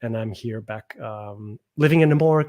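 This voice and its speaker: A man's voice: fairly low pitch, moderate pace, a little mellow. A man from Portugal, a guest answering interview questions in a thoughtful, hesitant way with frequent restarts. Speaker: podcast guest, entrepreneur. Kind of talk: casual interview talk.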